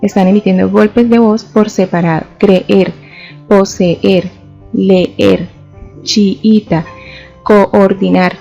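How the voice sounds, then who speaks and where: Patient woman teacher, mellow lo-fi voice. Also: mid-range voice. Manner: patient, explains step by step, says each example word slowly. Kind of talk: classroom lesson. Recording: dull lo-fi voice-over with faint music.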